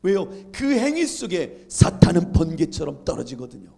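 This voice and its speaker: A man preaching a sermon in a high, heavily gravelly voice. He slows right down on the phrases he wants to land. He keeps throwing rhetorical questions back at the congregation. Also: big pitch swings, mellow. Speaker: pastor.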